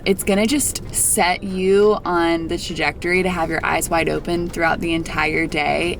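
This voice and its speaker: A woman's voice: lowish voice, slight background noise. A woman in her twenties from Florida, chatting upbeat and encouraging in a casual vlog. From Florida, USA. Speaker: vlogger.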